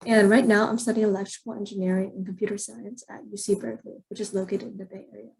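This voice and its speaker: A young woman from Maryland introduces herself on a video call panel. Her voice is husky and slightly gravelly. She speaks in a quick, breezy way. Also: medium pitch, level tone, darkish tone, low-quality recording. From Maryland, USA. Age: young adult. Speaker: university student panelist.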